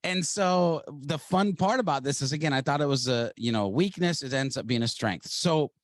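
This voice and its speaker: A man from Ohio, a podcast guest, telling his story in an animated, fast-moving way. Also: a little high. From Ohio, United States. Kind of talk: interview storytelling.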